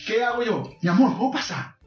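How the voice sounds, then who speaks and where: A Venezuelan man chatting casually as a podcast host, telling animated stories, swearing freely and acting out quoted lines. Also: sits high, brisk, faint music behind. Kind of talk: casual chat. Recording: roomy, distant, dull sound.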